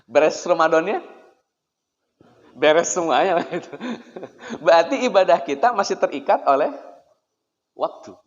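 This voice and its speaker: A man's voice: a little high, animated, measured pace, long pauses. Chatty male preacher in an echoey hall. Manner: chatty, poses rhetorical questions, keeps addressing listeners as sir. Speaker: Islamic preacher. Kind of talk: conversational religious lecture. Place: prayer room. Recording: echoey hall, dull lo-fi sound.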